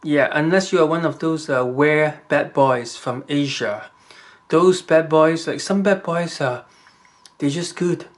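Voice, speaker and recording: His voice fairly high in pitch, a Chinese-accented vlogger rambles through advice for the camera. He halts often, using lots of fillers and starting over.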